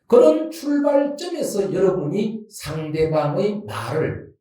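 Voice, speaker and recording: Gyeongsang-accented monk preaching in an echoey hall. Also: male voice, high-pitched, measured pace. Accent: Gyeongsang Korean. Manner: folksy and lively, asks the audience questions and acts out everyday quarrels. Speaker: Buddhist monk giving a dharma talk. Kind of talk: sermon. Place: temple dharma hall. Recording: distant mic in a roomy temple hall.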